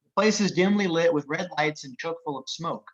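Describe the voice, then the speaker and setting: At a table read, a man narrates the scripted action descriptions a little fast. His voice sits on the higher side for a man, and the recording sounds dull and lo-fi.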